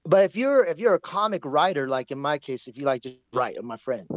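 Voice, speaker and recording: A man's voice: a little high, very animated, fairly quick, no echo. A man calling in by phone, talking in a casual, rambling way with restarts, and sick with the flu. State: has the flu, coughing at times. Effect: heard over a phone line. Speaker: caller. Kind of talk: casual call-in chat. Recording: dull phone-line sound, dry.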